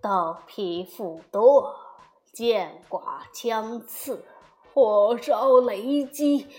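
A woman voicing an angry, pompous male emperor of heaven who barks slow, blustering commands in a storybook reading. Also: fairly high pitch, a little mellow.

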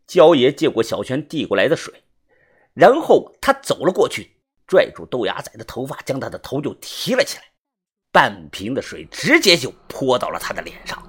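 Low husky lady reading a creepy novel, voice swings all over, soft music under it. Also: moderate pace. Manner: lively, acts out the tension. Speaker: audiobook reader. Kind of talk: dramatic novel narration. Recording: faint music behind.

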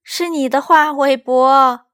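Lady doing a friendly patchwork elephant, high and lively, slow and dry. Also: no echo. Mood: cheerful. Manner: bright, animated exclamations.

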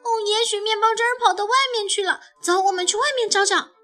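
A woman voicing an excitable little girl who frets over her lost hamster, in high, breathless, rushed exclamations. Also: faint music behind. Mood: frantic. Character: excitable little girl, anxious pet owner.

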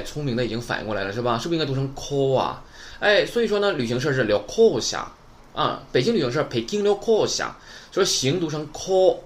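A man's voice: mid-range voice, fairly bright tone. A man teaching Japanese vocabulary in a casual lesson, chatty and full of rhetorical questions.

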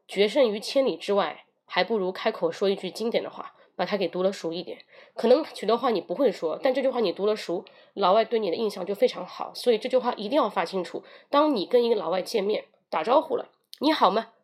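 Woman teaching English on a livestream. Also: mid-range voice. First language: Mandarin Chinese. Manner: switches between Mandarin and English, demonstrates phrases.

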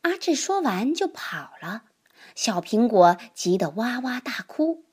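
A woman reading a children's picture book aloud in an expressive, lively manner. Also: a little high, measured pace, husky. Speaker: storyteller.

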